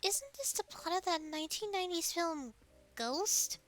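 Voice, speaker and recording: A woman's voice: extremely high pitch, animated, moderate pace, soft background music. A woman on a stream reading game dialogue aloud, self-conscious about the put-on accent she uses. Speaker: co-player on a stream.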